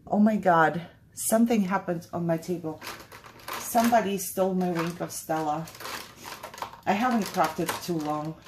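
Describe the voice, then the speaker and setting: Her voice sits on the low side, with some background noise in the recording. She's a Kazakh woman, a native Russian speaker, hosting a casual English-language crafting vlog in a chatty, jittery manner with plenty of laughs.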